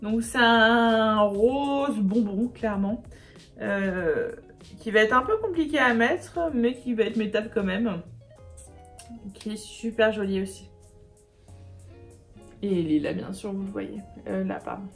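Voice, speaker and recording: A woman's voice: medium pitch, a little slow, pauses often, soft background music. A woman beauty vlogger chatting casually and upbeat through a makeup haul, with many fillers.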